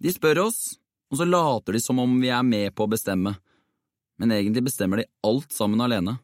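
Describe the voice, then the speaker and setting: A man's voice: medium pitch, no echo, clean studio sound, close to an everyday voice. A man voicing an upset boy footballer who is about to move abroad, in a storybook reading.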